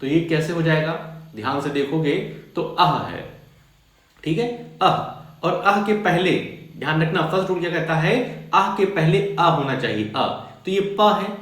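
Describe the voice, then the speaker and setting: A man's voice: fairly high pitch, a bit bright. Echoey male grammar teacher. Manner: repeats key points, asks the class questions. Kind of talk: grammar lesson for schoolchildren.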